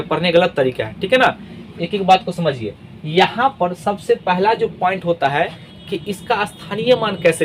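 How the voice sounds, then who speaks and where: A man teaching a math lesson, explaining step by step, reading digits out slowly one at a time, and often checking that the class is following. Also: high voice, slight background noise, rough recording.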